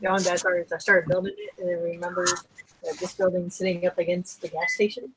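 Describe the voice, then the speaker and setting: Woman chatting quick n casual, faint noise in the back. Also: on the low side, flat delivery. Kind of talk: casual chat.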